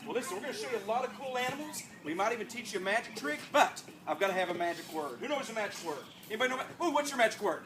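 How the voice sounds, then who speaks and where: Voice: mid-range voice, expressive, rapid-fire, few pauses. A children's entertainer hosting a live show like a kids' party magician, with playful, coaxing call-and-response patter and clownish mock surprise. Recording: noisy live room full of children. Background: loud crowd of children, ambient noise.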